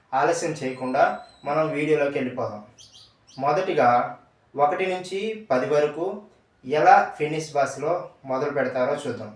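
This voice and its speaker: A man's voice: fairly high pitch, distant mic. A man giving a patient step-by-step language lesson, repeating each word twice and quizzing the listener. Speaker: language teacher. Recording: echoey room, away from the mic.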